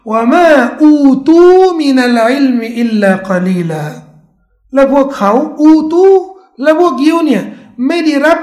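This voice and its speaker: A man giving a religious lecture, explaining at length with emphatic rises in his voice. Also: very high voice. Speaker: religious teacher. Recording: echoey room.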